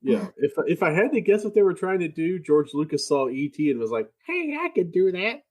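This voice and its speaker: Male podcast co-host, animated intonation, dry wit, relaxed. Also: on the high side, a little fast. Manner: wry, joking, lively. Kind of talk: casual film review chat.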